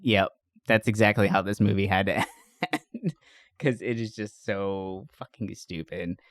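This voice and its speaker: In an unhurried, lowish voice, a man runs a podcast full of casual, profanity-laden, meandering movie talk. There's no room sound, just clean studio audio.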